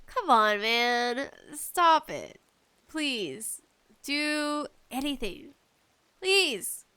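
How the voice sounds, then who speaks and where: Her voice is high, nasal, congested and smooth as this woman hosts a meandering solo podcast very slowly. She comes across as animated and pleading, with self-deprecating remarks along the way.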